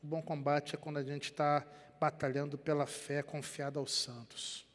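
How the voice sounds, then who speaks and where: An older pastor from Rio de Janeiro preaches a Brazilian Portuguese sermon into a headset mic in a church sanctuary, where the hall's reverb rings long. His fairly high voice moves at a moderate pace, and his animated delivery, full of wide gestures, swings from quiet to loud and back.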